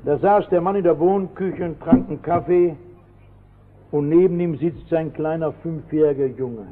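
A man preaching a sermon in a church, fervent and dramatic, telling a story with sudden shouted lines. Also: a little high, normal speed, a little hiss or hum. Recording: tinny old radio broadcast with long hall reverb.

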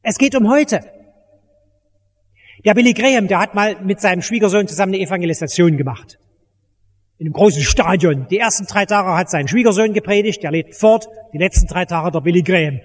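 In an echoey church hall, a high-voiced man talks a little fast as he preaches to the congregation. His evangelistic message comes across as commanding and urgent, and he drives it home with emphatic repetition.

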